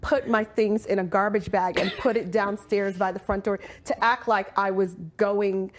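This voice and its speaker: A woman guest telling personal stories in casual chat, animated and laughing often. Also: mid-range voice, normal speed.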